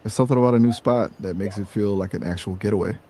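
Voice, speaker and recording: A man's voice: on the low side, fast, mellow, slight background noise. A synthetic male voice acting as a conversation guest, laid-back and upbeat, full of casual slang. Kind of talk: casual chat.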